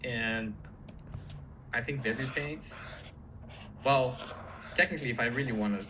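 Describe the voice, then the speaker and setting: A man's voice: medium pitch, a little slow. A man who teaches painting, chatting casually and enthusiastically on a livestream in an informal way. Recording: faint background room noise.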